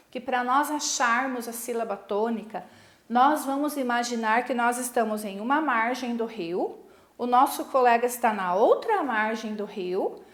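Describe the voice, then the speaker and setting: A Brazilian woman teaches a recorded lesson to young students in a patient, step-by-step way. Her voice sits fairly high, and the room adds a clear echo. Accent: Brazilian Portuguese. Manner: patient, instructive, frequent tag questions. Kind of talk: recorded online lesson for sixth graders.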